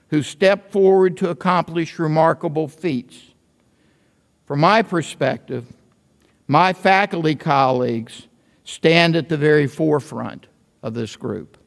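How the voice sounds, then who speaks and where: An older man, a university president, giving a measured, formal commencement address from a podium microphone in a large arena. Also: fairly high pitch, vocal fry, a bit bright. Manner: measured, ceremonial delivery. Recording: long reverb of a large hall.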